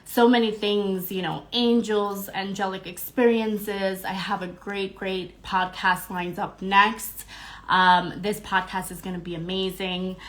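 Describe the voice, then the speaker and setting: Hosting a casual live-stream podcast chat, a young woman sounds congested and slightly nasal, yet she stays bubbly, calling out viewers by name amid her fillers. She speaks a little slowly in a medium-pitched, slightly bright voice with fairly even intonation.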